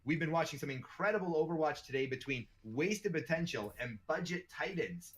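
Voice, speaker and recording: A man with a Canadian accent calling an online esports match as caster, chatty and upbeat, laughing often and getting excited on big plays. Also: on the high side, fairly quick. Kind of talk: play-by-play esports commentary.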